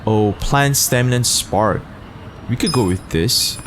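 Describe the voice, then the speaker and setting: Noisy game audio fills the background as a man hosts a casual let's play for his gaming videos. His medium-pitched voice moves slowly while his commentary stays slangy and profane.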